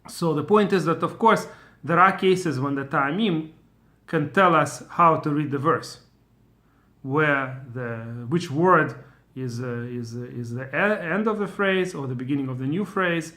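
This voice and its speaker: This middle-aged man has a Russian accent and a slightly high, sharp voice, and he speaks a little slowly. A Torah teacher, he gives an informal lesson, thinking aloud with plenty of fillers and restarts.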